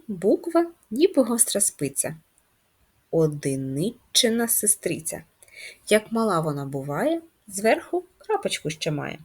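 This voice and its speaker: A woman gives a handwriting lesson to first graders, calm and patient as she walks through each stroke. Her voice sits a little low and has a husky edge. She puts simple questions to the children and answers them herself in a steady, encouraging tone. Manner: patient, clear, step-by-step instruction to children. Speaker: primary school teacher.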